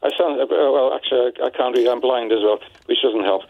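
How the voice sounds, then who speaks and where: A man's voice: medium pitch, a little fast, vocal fry, slight background noise. A man in his seventies calling a radio phone-in, speaking in a hesitant, apologetic way. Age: 70s. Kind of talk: serious phone conversation. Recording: muffled telephone line.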